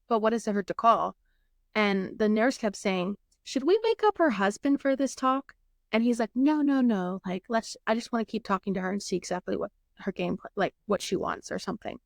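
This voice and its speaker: A young woman with a gravelly, creaky edge to her voice tells a painful personal story in a candid, raw way, acting out each exchange and letting the odd curse slip. The sound is close and dry, with no room around it. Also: mid-range voice, no echo. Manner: emotional, candid, swears, reenacts dialogue. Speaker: podcast host. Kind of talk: casual podcast storytelling.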